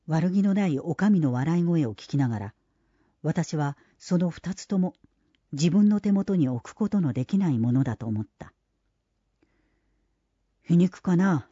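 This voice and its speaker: A narrator reading a literary novel in a calm, measured, reflective way. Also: medium pitch, slightly rough, no room sound. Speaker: audiobook narrator. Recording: dry, dull, slightly lo-fi.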